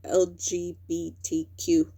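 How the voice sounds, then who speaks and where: A young woman hosts a casual talking-head commentary, rambling and self-correcting with many fillers. Her low, mellow, gravelly voice is slow and completely flat in delivery.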